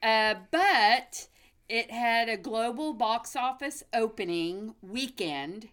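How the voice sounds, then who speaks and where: A woman's voice: on the high side, slow, fairly bright tone. An American woman hosting a casual movie news chat in an upbeat, chatty, folksy way. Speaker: movie podcast host.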